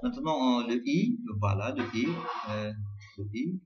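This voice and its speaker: A man tutoring a university maths class, talking slowly and repeating himself, spelling words out letter by letter. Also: medium pitch, very animated, echoey room, muffled recording, background noise. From Algeria. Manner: slow and repetitive, spells out letters one by one. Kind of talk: recorded tutorial lesson.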